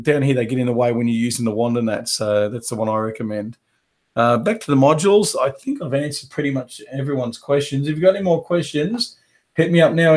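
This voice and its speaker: A man's voice: medium pitch, a little mellow. Man with a head cold, hosting a webinar. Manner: casual, rambling, with many fillers and restarts. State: head cold, losing his voice. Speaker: carpet cleaning business coach. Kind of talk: live webinar Q&A. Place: home office.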